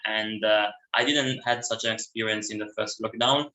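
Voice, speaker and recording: Brief: young Italian man, student guest, accented English, bright tone, hesitant delivery. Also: on the low side, fairly even intonation, moderate pace, reverberant, poor audio. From Italy. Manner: hesitant, many fillers and restarts. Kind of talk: casual interview talk.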